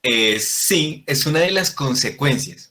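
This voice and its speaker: A man's voice: mid-range voice, animated, slow, pushed and bright. A man teaching a Latin class, explaining patiently and checking in with frequent questions to his students. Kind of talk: classroom lesson.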